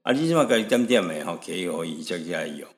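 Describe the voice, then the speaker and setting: A man from Taiwan hosting a radio show, telling stories in a rambling, relaxed way with frequent chuckles and tag particles. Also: sits low, fast, long reverb tail. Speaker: radio host. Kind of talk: chatty radio storytelling. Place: radio studio.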